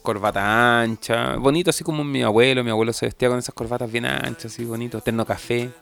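A man's voice: medium pitch, fairly even intonation, fast talker, vocal fry, fairly bright tone, soft background music. A man, co-hosting a podcast, telling jokey stories in casual chat. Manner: storytelling, joking, imitates others. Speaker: podcast co-host.

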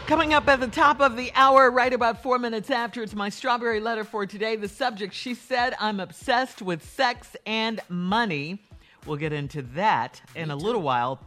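A man co-hosting a radio show, lively and brisk as he introduces callers and segments. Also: high voice. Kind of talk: call-in radio talk.

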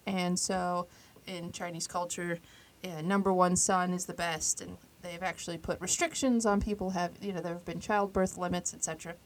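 A woman co-hosting a podcast, casually retelling a story with lively acted-out quotes. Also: fairly low pitch, moderate pace, few pauses. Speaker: podcast co-host.

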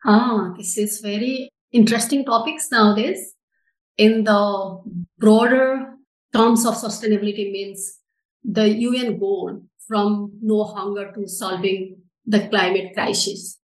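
Speaking slightly slowly in a steady, mid-range voice, a middle-aged social enterprise director from Nepal earnestly explains things as an interview guest. She has a Nepali accent and non-native English phrasing; the recording is reverberant and rough.

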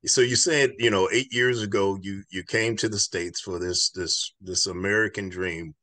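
A man's voice: fairly low pitch, fairly even intonation, normal speed, pushed and bright, no echo. A man hosting an interview show, encouraging his guest, often stumbling and repeating words as he asks questions. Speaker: show host. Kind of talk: interview conversation.

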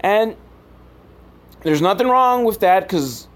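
With a high voice, lively intonation, and slow pace, a podcast host gives a comedic, profane, and sarcastic rundown of films in a casual ranting style.

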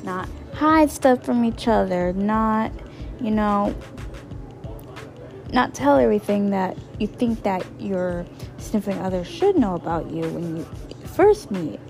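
A woman with a gravelly, slightly hoarse voice, rambling informally as she gives casual advice as a solo podcast host, repeating phrases for emphasis. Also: medium pitch, lively intonation, measured pace, a little mellow, faint music behind. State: hoarse, voice partly lost.

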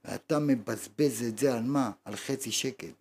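A man, a rabbi, preaching a Torah lesson as a dramatic storyteller. He asks one rhetorical question after another and swings from loud exclamations to hushed, low tones. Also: vocal fry, slightly rough.

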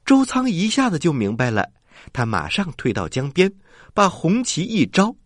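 A man's voice: on the high side, wildly swooping pitch, moderate pace, no echo, clean studio sound. A man hosting a children's story show, telling tales in a dramatic style. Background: faint music.

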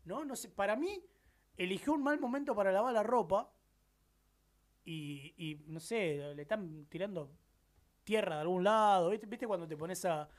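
A man's voice: sits high, normal speed. A man with a Rioplatense accent hosting a late-night radio show, joking and rambling in casual slang. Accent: Rioplatense Spanish. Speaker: radio host. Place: radio studio.

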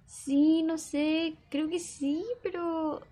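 A woman's voice: very high voice, flat delivery, extremely slow, dark tone, full character voice. A woman with a Chilean accent playing a shy young schoolgirl getting her first period, talking in a hesitant, whiny way. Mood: unwell. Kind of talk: amateur audio drama acting.

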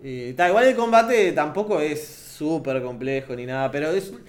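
Young man, slightly high voice, lively casual gamer talk, trips over his words. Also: normal speed. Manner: animated, laughs often, many restarts. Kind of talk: casual gaming chat.

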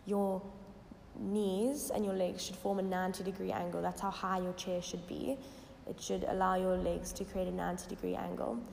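Croaky woman podcaster in an echoey room. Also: on the low side, a little mellow. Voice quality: croaky, froggy morning voice. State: slightly hoarse. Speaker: podcast host. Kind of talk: casual solo podcast talk with lifestyle tips. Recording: echoey, reverberant room with noise.

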